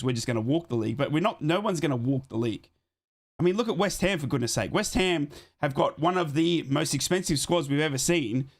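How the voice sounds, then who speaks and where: Losing his voice from being slightly ill, a man runs a live football watchalong, calling out live scores, thanking donating viewers and chatting casually. His voice is a little high.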